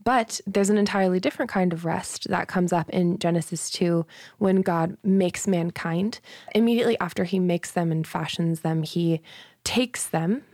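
A woman's voice: lowish voice, normal speed, darkish tone, dry recording, clean studio sound. A woman co-hosting a faith podcast, still sleepy from recording early, explaining things in an earnest teaching way. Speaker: podcast co-host. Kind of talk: casual faith podcast chat.

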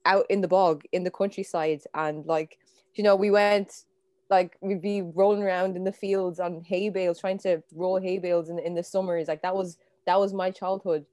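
A woman's voice: lowish voice, fairly even intonation, moderate pace, a little mellow, no room sound, studio quality. Young woman, thoughtful and hesitant. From Ireland. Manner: thoughtful, many fillers and restarts. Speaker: panel guest. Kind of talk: casual conversation.

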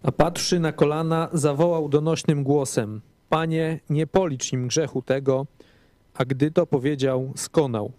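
A man's voice: on the high side, steady tone, a little mellow, no room sound. Man reading scripture in a dry, close voice. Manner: measured, phrase-by-phrase reading. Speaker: scripture reader.

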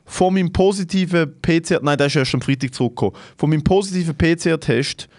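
A man's voice: on the high side, fast, no echo, clean studio sound. A young Swiss man with a Swiss German accent, a comedian co-hosting a podcast, who tells stories animatedly and acts out the quotes in casual chat. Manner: animated storyteller, acts out quotes, laughs often.

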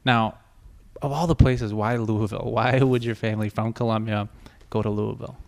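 A man's voice: on the low side, fairly even intonation, moderate pace, gravelly. A man hosting a podcast interview, talking in a friendly way and often restarting his phrases. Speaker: podcast host. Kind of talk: casual interview conversation.

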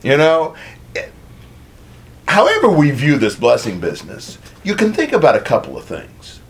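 A man preaching a conversational sermon, retelling a story in an animated, chatty way. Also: medium pitch, moderate pace.

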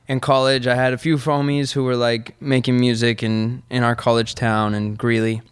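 A man's voice: mid-range voice, flat delivery, moderate pace, clean tone, no room sound, studio quality. A man from Argentina, a musician guest, telling his story in a casual, easygoing interview and laughing often.

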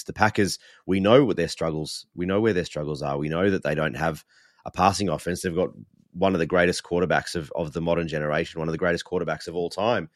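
A man's voice: very deep voice, dry recording, clean studio sound. A man giving casual sports analysis as a podcast co-host, repeating words as he builds each point.

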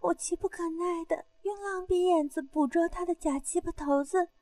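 A woman's voice: very high voice, fairly even intonation, moderate pace, dark tone, dry recording. A woman narrating a first-person erotic story, breaking into breathless moaning cries between her lines.

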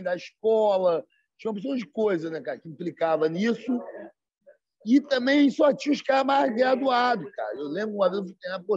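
A man, appearing as a guest, tells casual stories in slang, peppering his speech with "sacou" and "né, cara" and acting out quoted dialogue in livelier voices. His voice sits high, is darkish and slightly rough, and the recording is dry and slightly dull with no room sound.

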